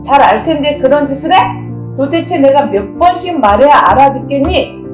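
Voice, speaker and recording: A woman's voice: high-pitched, animated, moderate pace, roomy sound, music in the background. A woman playing an angry scolding mother. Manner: shouting, scolding.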